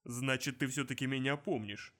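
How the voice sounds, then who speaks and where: A disembodied voice speaks from empty air, belonging to a huge aging bodyguard who stays unseen. A male audiobook narrator puts it on, dropping lower than his narration and slowing to a deliberate, coldly threatening pace. The pitch sits in a middle male range. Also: steady tone, fairly bright tone, lightly acted. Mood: taunting. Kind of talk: audiobook character voice.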